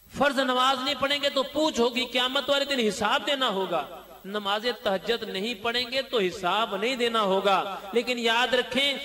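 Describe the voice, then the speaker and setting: A man's voice: very high-pitched, sharp tone. A man preaching a sermon, exhorting listeners with chanting repetition. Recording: long hall reverb.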